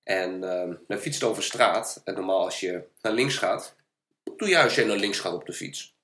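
A man's voice: deep voice, normal speed, roomy sound. A man co-hosting a casual podcast, telling an anecdote with lots of restarts and repeated words. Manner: animated storytelling with repeated restarts. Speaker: podcast co-host.

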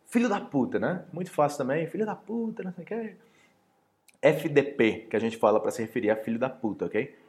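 Brazilian man, portuguese teacher, casual lesson, mid-pitched voice, acts out examples. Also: expressive, fairly quick, darkish tone.

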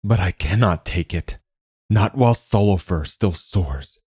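A man voicing a gentle, wise older male guide who speaks slowly and in a fatherly way. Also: sits low, husky, no echo, clean studio sound. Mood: solemn. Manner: slow, fatherly, calls the youth lad.

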